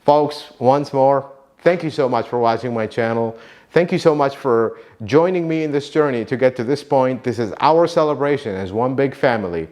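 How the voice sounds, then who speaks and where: Speaking at an ordinary pace, an Iraqi man whose first language is Arabic offers heartfelt thanks to his channel's viewers. He's a car mechanic and YouTube host, earnest and warm, his pitch swinging lively.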